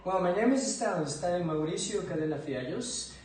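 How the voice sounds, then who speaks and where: This is a teacher from Ecuador, a man in his thirties, whose high-pitched voice moves briskly as he answers interview questions in a relaxed, halting way, repeating words while thinking. He sits in a school library with bookshelves, captured by a far-off camera across a desk. The sound is echoey, with a little noise.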